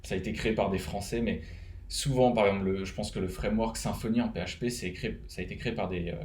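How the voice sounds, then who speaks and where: A man's voice: lowish voice, fairly even intonation, fast talker, darkish tone, reverberant, slight background noise. A man from France with a French accent, casually giving advice to fellow web developers, rambling with many fillers and restarts. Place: home, living in Canada.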